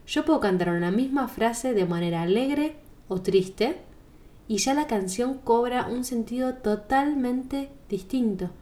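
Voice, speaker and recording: A woman singing teacher with a Rioplatense Spanish accent, giving a podcast monologue in a calm, explanatory way and speaking straight to the listener. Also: on the high side, unhurried.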